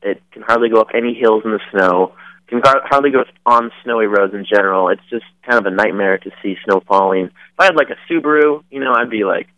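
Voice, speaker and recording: Male musician guest heard over the phone; crisp bright tone, dry sound, easygoing. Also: fairly low pitch, fast talker, no room sound, muffled recording. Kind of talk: casual chat.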